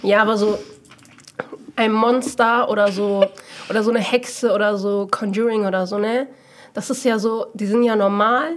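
A woman's voice: medium pitch, steady tone, normal speed. Young woman rambling in casual chat. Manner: hesitant, rambling, full of fillers. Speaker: podcast guest. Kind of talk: casual chat among friends.

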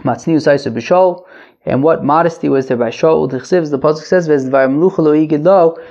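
A man with a fairly high, gravelly voice leads an informal text lesson. He reads out phrases and translates each in a wry, conversational way, posing questions and answering them himself. The recording is dull and a little lo-fi. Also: brisk, darkish tone. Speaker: teacher of religious texts. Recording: dull, muffled lo-fi sound.

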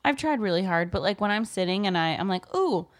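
A woman's voice: mid-range voice, lively intonation, fast talker. A woman co-hosting a podcast in casual chat, rambling with many fillers. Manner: rambling, full of "like" and "you know". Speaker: podcast co-host.

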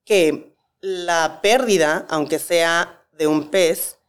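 Calm woman explaining grief. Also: on the low side, drawn-out words, clear, resonant tone. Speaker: guest expert on grief. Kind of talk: explanatory talk-show conversation.

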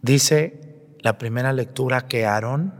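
A man's voice: medium pitch, unhurried. A priest giving a homily at Mass. He tells the story and asks the congregation questions, with playful jokes. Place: church. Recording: long church reverb.

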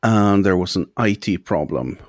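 A man's voice: deep voice, animated, normal speed, dry recording, clean studio sound. A young man casually telling a personal story as a guest, rambling and hesitant with many fillers.

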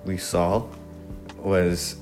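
Male podcast co-host, very deep voice, laid-back and offhand. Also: steady tone, very slow, a little mellow, faint music behind. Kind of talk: casual podcast chat.

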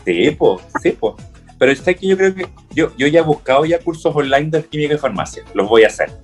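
A man's voice: on the high side, sing-song, a little fast, breathy edge, faint music behind. A man with a Chilean accent chatting casually, rambling and joking in a campy way. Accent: Chilean Spanish. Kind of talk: casual chat.

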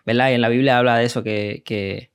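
A man's voice: mid-range voice, fairly even intonation, a little fast, clean tone. Hesitant Puerto Rican man telling his story. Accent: Puerto Rican Spanish. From Puerto Rico. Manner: hesitant, many fillers and tags. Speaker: guest, recovery coach. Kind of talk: casual interview storytelling.

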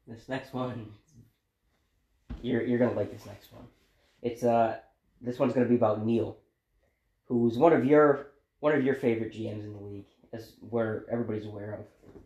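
A man's voice: medium pitch, fairly even intonation, moderate pace, long pauses, darkish tone, lo-fi sound. A man co-hosting a casual podcast, reading out questions in a laid-back, hesitant way with many fillers. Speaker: podcast co-host asking questions. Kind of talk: casual chat. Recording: echoey room.

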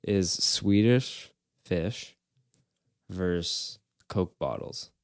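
Laid-back young man with a deep voice. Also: drawn-out words, smooth, no echo, studio quality. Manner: laid-back, joking, with filler-heavy restarts. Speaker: podcast host. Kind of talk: casual chat.

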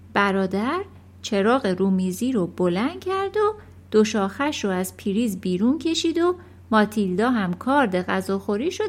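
A woman reading a children's novel aloud in an expressive storytelling manner. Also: medium pitch. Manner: expressive, animated. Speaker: audiobook narrator.

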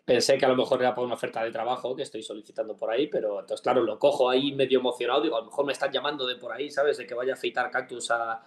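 Hombre charlando con humor, acento de España. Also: male voice, medium pitch, very fast, hardly any pauses. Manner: storytelling, jokey, animated retelling of a phone call. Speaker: podcast co-host. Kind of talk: casual chat.

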